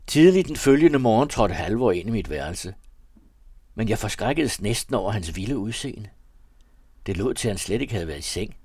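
A man's voice: on the low side, lively intonation, a little mellow, husky, no echo, studio quality. A man reading a novel aloud on the radio, summarizing the story in a conversational way with occasional fillers. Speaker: radio reader of a serialized novel.

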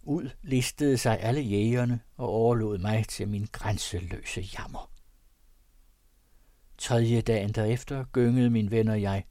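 A man reading an old first-person tale aloud, theatrical and swinging between loud exclaims and hushed asides. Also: on the low side, no room sound. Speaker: audiobook reader.

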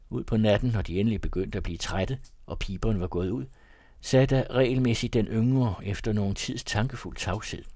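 A man narrating an audiobook in a measured storytelling manner. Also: fairly low pitch, mellow, no room sound, studio quality.

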